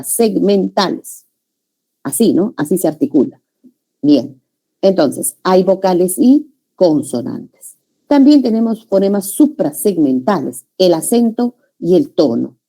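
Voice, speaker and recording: A woman gives a classroom lecture in a warm, mellow, rather low voice. She explains step by step, slows down to spell out individual sounds, and keeps checking in with the class through short tag questions. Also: lively intonation. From Peru. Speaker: teacher.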